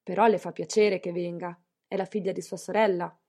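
A woman's voice: on the low side, steady tone, brisk, a little mellow. A woman reading an audiobook, voicing a timid young housemaid girl who speaks hesitantly and apologetically.

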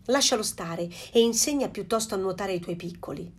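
A woman voicing a knowing old female duck in a storybook reading, giving dismissive advice in a slightly husky voice. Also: mid-range voice, fairly quick, close to an everyday voice.

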